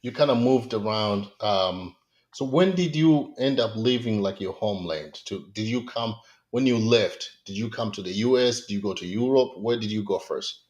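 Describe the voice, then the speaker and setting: A male podcast host with a somewhat low voice chats with his guest, full of eager reactions and loosely strung questions. His phrasing wanders, with fillers and restarts. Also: moderate pace, a little mellow. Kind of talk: casual interview talk.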